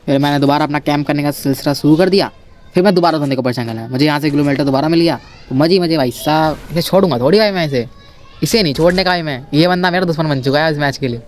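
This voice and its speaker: A man's voice: on the high side, rapid-fire. A man giving casual, chatty voice-over commentary on his own shooter match, playful and self-mocking, talking straight to his viewers. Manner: chatty, keeps addressing viewers as brother. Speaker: gameplay commentator.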